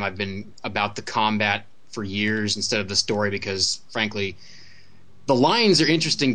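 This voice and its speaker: A man's voice: lowish voice, pushed and bright. A man speaking casually as a panelist discussing video games, with a wry, dry sense of humour. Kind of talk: casual chat.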